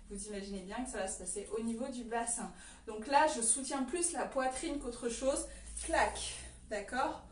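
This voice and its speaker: A woman's voice: high-pitched, slight background noise. A woman teaching an online belly dance lesson, explaining moves and calling out counts as she dances. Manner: counts and calls steps aloud while dancing. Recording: roomy echo, distant from the mic.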